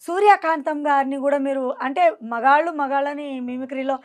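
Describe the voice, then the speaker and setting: High-voiced woman asking questions. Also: normal speed. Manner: curious, prompting questions. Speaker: interviewer. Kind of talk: casual interview.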